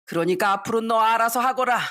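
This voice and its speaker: An older father in a fury, voiced by a woman, shouting down his son with a raised, heated voice. It is read as part of a storytelling recording. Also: on the high side, fast talker, voice pushed up, natural voice. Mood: angry scolding. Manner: shouting, scolding.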